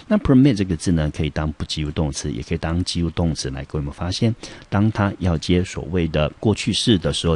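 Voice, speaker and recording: A deep-voiced man with a Taiwanese Mandarin accent teaches English vocabulary. He spells words out letter by letter and walks through each example sentence with patient, careful explanation. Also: darkish tone. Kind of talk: vocabulary lesson.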